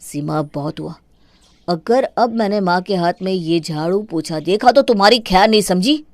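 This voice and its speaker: A woman voicing an angry young man who scolds and shouts at his wife for his mother's sake in a cartoon. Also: lowish voice, animated, normal speed, no echo. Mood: scolding.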